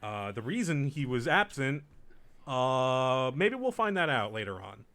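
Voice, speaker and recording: Hosting a group let's play, a young man sounds very animated yet unhurried, his mid-range voice a bit bright. In casual, joking chat over game music, he recaps the storyline and explains how things work.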